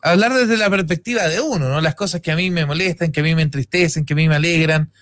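A man's voice: a little high, fast, a bit bright. A man, hosting an interview in a conversational way, summing up and checking in with his guest. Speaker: host.

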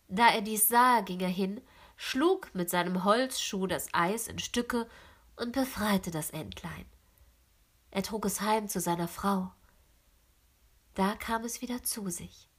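A woman reading a fairy tale aloud in a gentle way, often sinking into a whisper. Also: medium pitch, slow pace, pauses often. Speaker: storyteller. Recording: with music behind.

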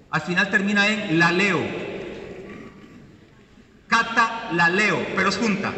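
Man preaching, kinda high bright voice, gets shouty, far from the mic in a big echoey church. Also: a little hiss or hum. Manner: emphatic, rising to shouts, addresses the congregation directly. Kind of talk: sermon. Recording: echoey hall, mic from a distance, faint room ambience.

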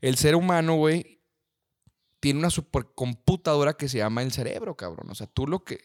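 A man's voice: fairly high pitch, lively intonation, normal speed. A man with a Mexican accent co-hosting a casual podcast, talking in crude slang and saying "güey" constantly. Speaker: podcast co-host. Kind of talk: casual chat.

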